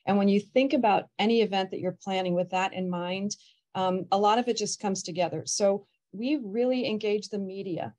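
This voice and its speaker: A middle-aged woman speaks over a video call in a mellow, warm voice. She is a birding festival organizer, and she talks fluently and earnestly in a friendly panel format. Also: medium pitch. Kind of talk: casual panel discussion.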